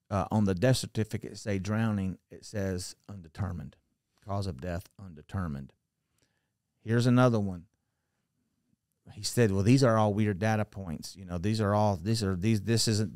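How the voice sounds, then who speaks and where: A middle-aged man telling a story on a podcast in a book-lined study, speaking into a boom mic, animated and given to restarts, his voice dropping quietly at the ends of phrases. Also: no room sound, clean studio sound. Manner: animated, gestures a lot, restarts and trails off quietly. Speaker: podcast guest. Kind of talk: storytelling conversation. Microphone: studio mic on a boom arm.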